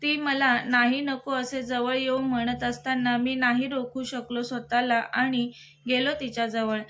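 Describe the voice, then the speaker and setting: A woman reading the lines of a young husband, quick-tempered but tender, who talks in an earnest, lightly teasing way. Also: fairly high pitch, a bit bright.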